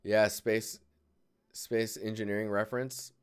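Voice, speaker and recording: A man's voice: on the low side, level tone, unhurried, smooth. A man giving casual, rambling live critiques of digital art, thinking aloud as he clicks through images. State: yawning, tired.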